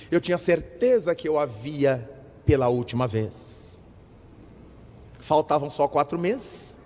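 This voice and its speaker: An older man from Brazil, telling an animated story at a lecture and acting out the dialogue in shifting voices. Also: a little high. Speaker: spiritist lecturer. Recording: long hall reverb.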